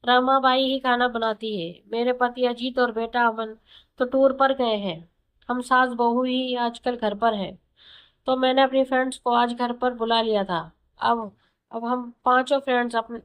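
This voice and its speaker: A woman narrating a first-person audio story in a calm, conversational storytelling manner. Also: fairly high pitch, unhurried, clean tone.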